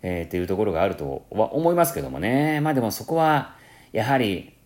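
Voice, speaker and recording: A low-pitched man with a Kansai accent blended into standard speech chats alone on his own radio-style show. His pitch rises and dips animatedly as he wanders from thought to thought. He leans heavily on fillers and corrects himself mid-sentence. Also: fairly quick. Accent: Kansai mixed with standard Japanese. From Kansai, Japan. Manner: rambling, many fillers, self-corrections; lively rising and falling pitch. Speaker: podcast host. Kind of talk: casual solo radio talk.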